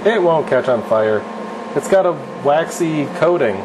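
A man in his thirties, host of a channel, casually teaches his wife to weld in their home garage, offhand and self-deprecating. His voice is fairly high with lively intonation and a measured pace, against a noisy background.

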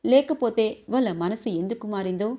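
A woman's voice: fairly high pitch, normal speed, dark tone, natural voice. A woman voicing a lonely, troubled middle-aged man who speaks in a subdued, bewildered way. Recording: dull lo-fi recording.

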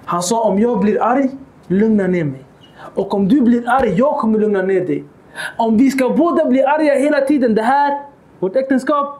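Male lecturer, high voice, animated, quotes in arabic, echoey hall. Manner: animated, acts out quoted dialogue; mixes Arabic quotations into Swedish. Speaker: Islamic lecturer. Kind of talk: lecture on the life of the Prophet.

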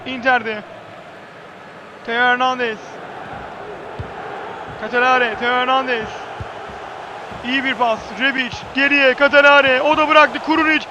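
A man doing live football play-by-play as an excitable commentator who screams players' names at big moments. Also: very high-pitched, measured pace, long pauses, crowd noise, noisy background.

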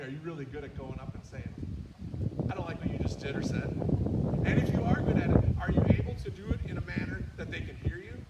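A Midwestern pastor with a fairly high voice preaches in an easy, chatty way and keeps asking his congregation questions. He sounds distant from the mic in echoey outdoor sound. Loud noise and passing traffic run underneath. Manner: plain-spoken, asks listeners questions, frequent ums. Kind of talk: casual conversational sermon. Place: outdoor church courtyard service.

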